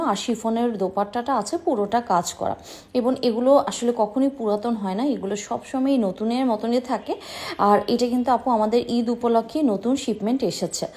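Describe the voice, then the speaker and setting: A woman's voice: on the high side, darkish tone. A woman in her thirties, a boutique owner, showing dresses in an eager, persuasive sales vlog in a small indoor shop. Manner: enthusiastic, persuasive, addresses viewers as sisters.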